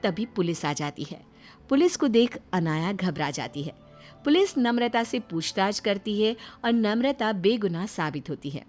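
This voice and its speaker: A woman narrating a cartoon family story, her voice in a middle range with plain, even storytelling. The narration is scripted and steady. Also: mid-range voice, measured pace, faint music behind.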